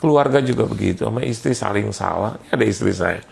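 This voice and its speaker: Gravelly-voiced pastor telling a story. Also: male voice, lowish voice, quick pace. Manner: animated, acts out quoted voices, jokey. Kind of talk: storytelling sermon.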